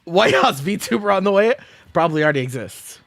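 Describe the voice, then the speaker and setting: A man's voice: high voice, sing-song, a little fast, gravelly, fairly bright tone, no room sound. A young man chatting casually on a stream, incredulous, swearing, repeating himself and breaking into laughter. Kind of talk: casual stream chat reacting to posts.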